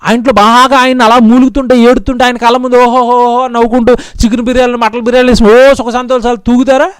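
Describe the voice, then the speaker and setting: A man's voice: very high voice, little pitch movement, fast talker, clean tone, dry recording, studio quality. A male pastor preaching a sermon in an impassioned, pleading way, repeating his lines over and over.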